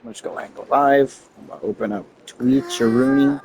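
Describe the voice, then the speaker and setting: On a game livestream, a man rambles casually and keeps cutting himself off with slangy, mildly exasperated grumbling. His medium-pitched voice is gravelly and a little mellow, with a steady tone at normal speed. There's slight background noise.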